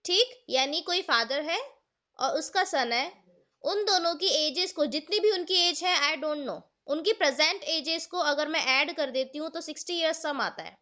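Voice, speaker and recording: A woman with an Indian accent teaches an online maths class, her voice high and bright. She explains each step slowly and keeps putting questions to her students. The sound is dull and lo-fi, like online class audio. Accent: Indian English. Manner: explains step by step, asks the students questions, mixes Hindi and English.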